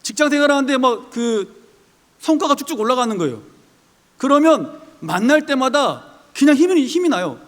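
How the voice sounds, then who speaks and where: A man's voice: extremely high pitch, very animated, normal speed. A male pastor preaching a sermon, animatedly acting out figures and everyday people in dialogue. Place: church sanctuary. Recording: long reverb of a church hall.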